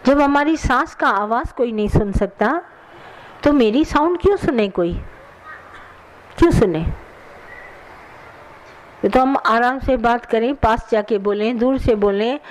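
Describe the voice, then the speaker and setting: A woman's voice: a little high, moderate pace, poor audio. Earnest woman preaching a satsang. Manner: earnest and admonishing, answers questions directly. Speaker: spiritual teacher. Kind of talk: satsang sermon with audience questions.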